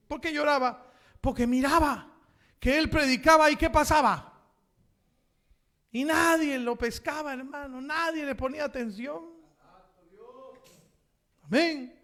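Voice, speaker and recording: A pastor with a strikingly high, bright voice delivers a sermon at a slow, deliberate pace. He calls the congregation brother and punctuates his points with repeated amens. His delivery swings between loud, impassioned stretches and quiet asides. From Chile. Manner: impassioned preaching that rises to shouts, then drops to quiet asides.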